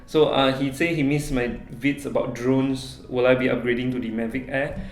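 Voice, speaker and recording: A man's voice: mid-range voice, fairly even intonation, normal speed, a little hiss or hum. Young Malaysian male vlogger, chatty Q&A delivery, mid voice, roomy sound. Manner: friendly, chatty, reads out viewer questions. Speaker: travel vlogger. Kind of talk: casual Q&A vlog talk. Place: small office room.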